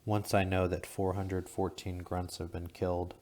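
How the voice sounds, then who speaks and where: A man voicing a calm, cold male rebel leader who speaks quietly and evenly in an audiobook. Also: sits low, slight background noise, close to an everyday voice. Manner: quiet, measured, unhurried.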